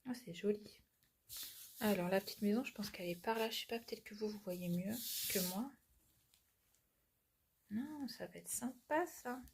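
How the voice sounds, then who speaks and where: A woman with a stuffy nose from a cold, chatting casually through a craft unboxing and often dropping to a soft murmur. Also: mid-range voice, normal speed, pauses often, a little hiss or hum. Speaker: cross-stitch vlogger.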